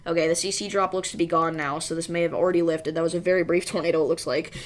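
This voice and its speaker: A woman with a slightly low voice gives live weather commentary. She hosts the stream informally, reading out alerts and thinking aloud. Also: fairly even intonation, rapid-fire, a little hiss or hum. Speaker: storm livestream host.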